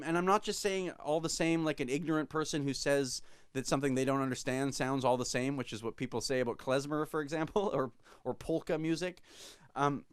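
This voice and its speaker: On a video call, a musician in his forties from Quebec, Canada, gives long, reflective answers that ramble, halt, and correct themselves mid-thought. His voice sits on the high side, clear and resonant. The recording is dry, with clean studio sound.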